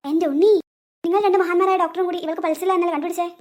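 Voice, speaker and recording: A bossy older sister, voiced by a woman, takes charge in a cartoon, scolding her siblings. The voice is very high and the words tumble out fast. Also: little pitch movement, darkish tone. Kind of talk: cartoon voice acting.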